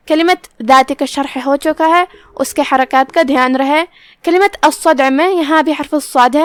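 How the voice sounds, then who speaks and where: A woman teaching Quran recitation rules, explaining each word steadily and then reciting verses in a slow, drawn-out voice. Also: high voice, no room sound, studio quality. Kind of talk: tajweed lesson with slow recitation.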